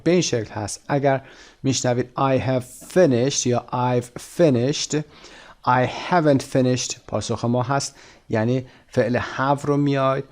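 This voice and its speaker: A man teaching a recorded English lesson in Persian, reading the book's English instructions slowly and carefully, then explaining them quickly. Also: medium pitch, darkish tone.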